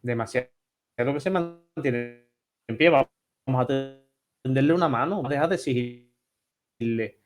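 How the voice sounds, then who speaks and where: A man's voice: mid-range voice, unhurried, pauses often. A man from Spain with a Spanish accent, a therapist speaking passionately and emphatically as a guest on a remote interview. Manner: passionate, emphatic, repeats phrases.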